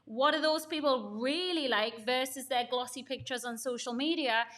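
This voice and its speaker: Woman co-host, high voice, emphatic casual explainer on marketing. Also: normal speed, fairly bright tone. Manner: emphatic, talks in long runs with examples. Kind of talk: casual podcast chat on marketing.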